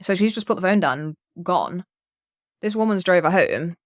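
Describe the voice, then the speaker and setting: An animated young woman with a voice on the low side shares a rambling childhood anecdote as a podcast co-host, at a normal speed. She curses openly and acts out people's words. The audio is studio quality, with no room sound at all.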